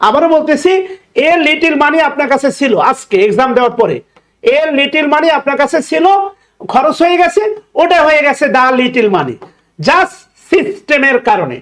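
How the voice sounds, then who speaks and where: A man's voice: extremely high pitch, sing-song, normal speed, fairly bright tone. A man with a Bangladeshi Bengali accent giving an exam-prep English grammar lecture, repeating key words, joking and asking if students follow.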